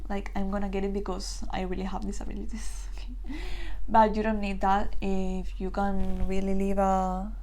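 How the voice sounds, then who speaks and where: A woman's voice: medium pitch, completely flat delivery, normal speed, a little mellow, slight background noise, low-quality recording. A woman in her twenties talking in a casual personal vlog, nervous and rambling, restarting often and swearing freely. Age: 20s. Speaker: channel host.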